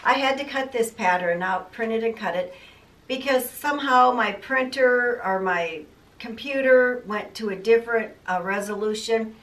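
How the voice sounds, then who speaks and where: A woman's voice: mid-range voice, fairly bright tone. An older woman talks casually to her viewers about her sewing plans, rambling from one thought to the next. Her voice sits in an ordinary middle register. She is recorded from some distance in a roomy, echoing home sewing room. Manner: chatty, rambling, self-deprecating. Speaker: sewing vlogger. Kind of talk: casual chat to camera.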